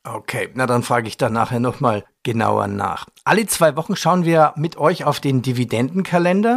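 Husky-voiced man hosting a finance talk. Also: mid-range voice. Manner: conversational, joking questions. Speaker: interviewer, show host. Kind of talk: finance interview.

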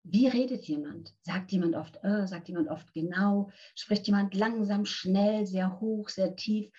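A woman's voice: mid-range voice, measured pace, dark tone, lo-fi sound. A woman in her fifties, a voice coach, answering interview questions in an earnest, direct way and giving practical tips. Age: 50s. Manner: earnest, direct, addresses listener with instructions.

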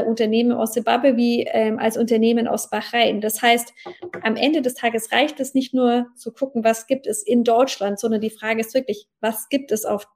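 A woman with a slightly high voice answers an interview as an expert, explaining at length. She hesitates often and fills her pauses with "ähm" as she searches for words. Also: a little mellow. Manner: many fillers, explanatory and thoughtful. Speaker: blockchain expert guest.

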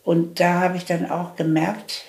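An older woman in an interview, telling her life story candidly, halting at times and pressing hard on key points. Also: fairly low pitch, little pitch movement, vocal fry, darkish tone.

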